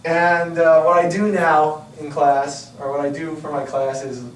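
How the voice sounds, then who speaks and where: Casual male math teacher walking through a lesson, a bit high-voiced, recorded from across an echoey room. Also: flat delivery, measured pace. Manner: chatty, self-correcting, lots of "uh" and "you know". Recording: roomy echo, distant mic, faint hiss.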